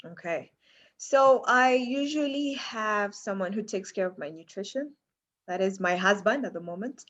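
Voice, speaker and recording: On a slightly muffled recording, a woman with a Kenyan accent chats as an interview guest. Her voice sits at a medium pitch, and she talks casually, repeating phrases for emphasis. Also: lively intonation, normal speed, a bit bright.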